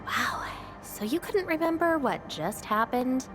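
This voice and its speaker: Over game music, an actress voices a calm, self-assured young fire-wielder, delivering her game lines with a teasing edge. Her voice is high-pitched and a little slow.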